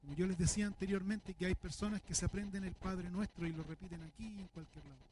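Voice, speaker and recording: A man's voice: sits high, fairly even intonation, quick pace, a little mellow, slight background noise. A man preaching a sermon, earnest and full of rhetorical questions. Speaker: pastor.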